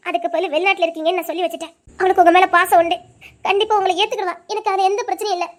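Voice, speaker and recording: A woman playing a worried middle-aged wife who speaks softly and pleadingly in an audio drama. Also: very high voice, level tone, racing. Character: tearful middle-aged wife reuniting with husband.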